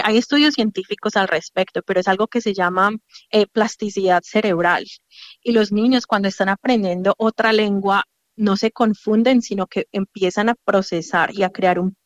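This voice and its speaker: A woman's voice: medium pitch, dry recording. Thoughtful woman educator, dry close sound. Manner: thoughtful, explanatory, with fillers and restarts. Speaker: early childhood educator. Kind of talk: conversational interview answers. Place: childcare centre.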